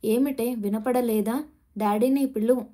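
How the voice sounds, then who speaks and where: A woman's voice: on the high side, steady tone, measured pace, warm tone. A woman voicing a stern, worried mother who scolds her daughter firmly, in an audio storybook. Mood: impatient. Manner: scolding, firm.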